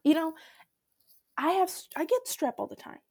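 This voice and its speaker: A young woman hosting her own podcast, telling a dramatic story in a chatty, animated way while sick with strep throat. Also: very high voice, moderate pace, no echo, studio quality. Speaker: podcast host. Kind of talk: casual solo storytelling.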